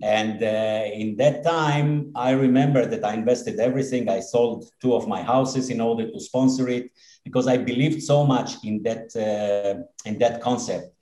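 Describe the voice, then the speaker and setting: As a guest on a podcast interview, a dentist and company head in his fifties speaks with an Israeli accent. He is earnest and halting, with many fillers. His voice is mid-range and mellow, heard in an echoey room.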